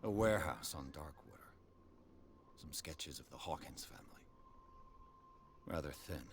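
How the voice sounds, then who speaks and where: A man's voice: very deep voice, animated, normal speed. An actor playing a wry, weary male private investigator who talks in a dry, clipped, sardonic way. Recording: noisy game audio.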